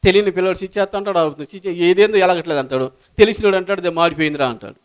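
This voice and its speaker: A high-pitched man preaches to his church congregation. He surges into loud, fervent calls for praise, then sinks into low, rapid asides. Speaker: pastor. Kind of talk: sermon.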